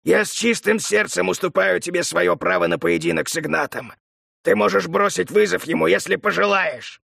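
A man doing a bandit chieftain who speaks calmly and firmly in a slightly raised voice with a gravelly edge. The storybook reading is close and dry. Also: high voice, normal speed, dry recording, exaggerated voice. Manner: calm and steady. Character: calm, defiant male bandit chieftain.

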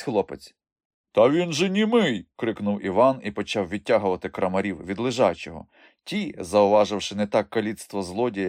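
Expressive male audiobook narrator. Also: fairly low pitch, dry recording, clean studio sound. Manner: expressive storytelling.

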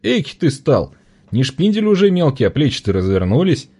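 A man's voice: a little high, big pitch swings, normal speed, dark tone, slightly rough, voice pushed up, heavily acted. A man voicing a cheerful young thief greeting an old friend in an audiobook. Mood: hearty.

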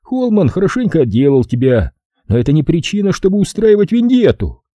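A man reading an audiobook, voicing a cold, domineering male casino boss who speaks calmly and curtly. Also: on the high side, a little fast, no echo, voice pushed up. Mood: menacing. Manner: calm, menacing and curt.

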